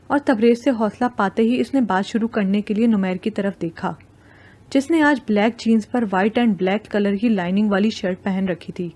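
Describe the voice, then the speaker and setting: A woman narrating a romantic novel in a steady, storytelling manner. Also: on the high side. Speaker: audiobook narrator.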